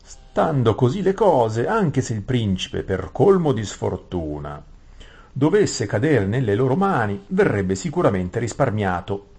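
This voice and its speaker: A man narrating an audiobook in a measured storytelling way. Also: mid-range voice, very animated, darkish tone, breathy edge. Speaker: audiobook reader.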